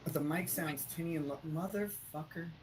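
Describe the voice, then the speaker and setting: A man chatting on a live stream through a tinny, low-quality built-in computer mic, rambling and restarting his sentences. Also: moderate pace. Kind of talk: casual live-stream chat.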